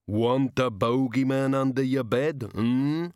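Man doing a sneering bogeyman, rumbly, slow, taunting. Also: a little mellow, smooth, dry recording, clean studio sound, natural voice. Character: hulking sneering male bogeyman, menacing.

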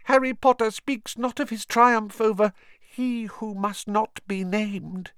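A man voicing a small, timid and devoted male house-elf who squeaks, pleads and speaks of himself in the third person. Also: steady tone, slow, a bit bright, clean tone, no echo, studio quality, heavily acted. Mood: adoring. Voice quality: squeaky, breathless, high. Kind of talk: audiobook character voice.

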